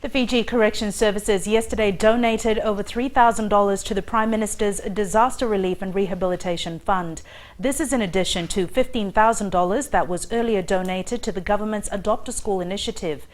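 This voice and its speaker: A female news anchor reads scripted bulletins. Her voice has an average pitch for a woman. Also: fairly quick.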